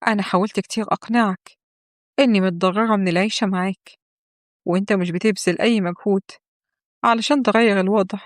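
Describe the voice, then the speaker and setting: A woman's voice: medium pitch, steady tone, fast, no room sound, studio quality, close to an everyday voice. Woman doing a desperate young Egyptian wife. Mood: pleading. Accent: Egyptian Arabic. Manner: pleading, emphatic.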